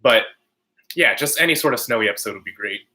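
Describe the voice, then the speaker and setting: Slightly nasal man with a bright voice. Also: medium pitch, animated. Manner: frequent throat clearing, halting. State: lingering cold symptoms. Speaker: channel host livestreaming to viewers. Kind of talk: casual livestream chat, answering comments.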